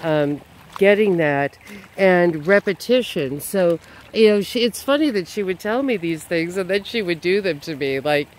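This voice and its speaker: A man's voice: sits high, lively intonation, moderate pace. A man vlogging outdoors by a river, talking in a meandering way full of "you know" and "um". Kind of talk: rambling outdoor monologue.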